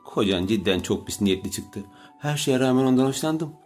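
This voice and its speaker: A man's voice: mid-range voice, animated, moderate pace, a little mellow, soft background music, close to an everyday voice. A man voicing an obsessive, pushy young woman in an audiobook, with a raised, pleading delivery. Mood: taunting. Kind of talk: audiobook character reading.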